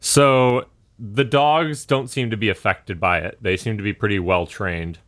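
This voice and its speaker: Slow, low-voiced game master. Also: male voice. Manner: relaxed, hesitant, many fillers. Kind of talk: narrating a tabletop game.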